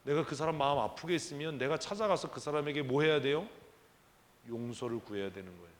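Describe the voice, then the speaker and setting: A man's voice: mid-range voice, fast. Emphatic male pastor in a reverberant church. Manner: conversational and emphatic, full of rhetorical questions. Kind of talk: sermon at a prayer meeting. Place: church sanctuary.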